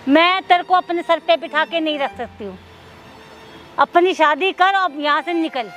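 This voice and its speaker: A woman's voice: extremely high pitch, unhurried, fairly bright tone, faint music behind. An actress playing a harsh stepmother who nags and scolds her stepdaughter in a staged drama. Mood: scolding. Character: harsh scolding stepmother, middle-aged woman. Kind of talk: staged social drama acting.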